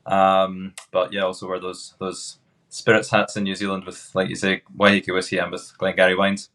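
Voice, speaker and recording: Scottish man, 30s, low steady voice, easygoing interview guest. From Scotland, Glasgow. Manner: relaxed, unhurried, frequent hesitant fillers. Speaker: podcast guest, tour guide. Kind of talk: casual interview chat.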